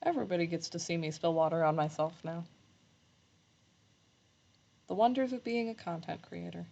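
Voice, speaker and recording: A woman streaming live while she sews, chatting casually in a rambling, self-deprecating way, with slight vocal fry when she talks low. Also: moderate pace, warm tone, dull audio. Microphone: desk microphone.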